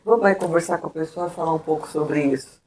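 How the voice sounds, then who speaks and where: A woman with a somewhat low voice hosts a live-stream interview. She heaps praise on her guest and turns to talk directly to the viewers. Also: quick pace, a little mellow. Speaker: host.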